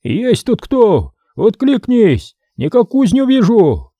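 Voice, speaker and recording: Guy doing a hoarse old merchant, sweet-talking, high voice, dry sound. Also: wildly swooping pitch, takes it slowly, mellow, no room sound, heavily acted. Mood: wheedling. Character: old male merchant, wheezy and wheedling.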